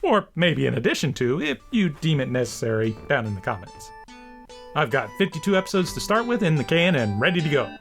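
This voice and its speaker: Over background music, a rant and commentary show host speaks in a fairly high, gravelly voice with a fairly bright tone. He's very animated and brisk, and his scripted lines are wordy and bookish.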